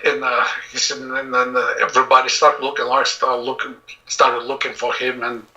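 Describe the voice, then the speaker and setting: Bright-voiced man. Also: medium pitch, completely flat delivery, dull audio. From Azerbaijan. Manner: reflective, halting with many fillers and restarts. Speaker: composer and pianist guest. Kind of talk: casual interview talk.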